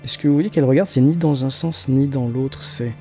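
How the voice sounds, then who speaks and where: A man's voice: mid-range voice, a little fast, dark tone. A man narrating an improvised tabletop role-playing game as game master. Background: faint music.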